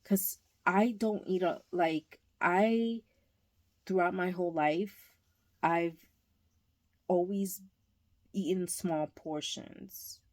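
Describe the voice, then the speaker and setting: A woman talking candidly in a casual home vlog, hesitant and pausing often. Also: lowish voice, steady tone, darkish tone. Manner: candid, slow and hesitant with many pauses. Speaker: vlogger. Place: indoors at home, under a blanket.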